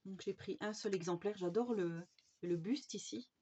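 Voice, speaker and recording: A woman's voice: mid-range voice, moderate pace, warm tone, breathy edge. A woman, chatting enthusiastically through a haul of craft supplies, with many fillers and restarts. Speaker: scrapbooking vlogger. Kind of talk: casual product haul chat. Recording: faint background noise and clicks.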